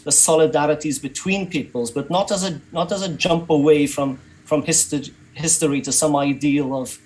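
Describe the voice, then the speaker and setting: A man's voice: on the high side, moderate pace, a little mellow, low-quality recording. A man giving an academic talk over a video call, thoughtful and hesitant, with many fillers and restarts. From Wales. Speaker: conference panelist.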